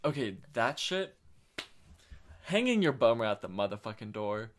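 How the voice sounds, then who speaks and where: A man's voice: medium pitch, big pitch swings, moderate pace, a little hiss or hum. Laid-back young man swearing in casual chat. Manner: laid-back, swears freely, mock-sweet impressions. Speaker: podcast co-host.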